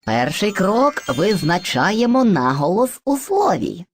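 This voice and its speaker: Voicing the cartoon boy Surzhyk, the living form of mixed speech, this woman sounds eager and confused, boastful one moment and hesitant the next, all delivered theatrically. She speaks at medium pitch, very animatedly and slowly, with slight background noise.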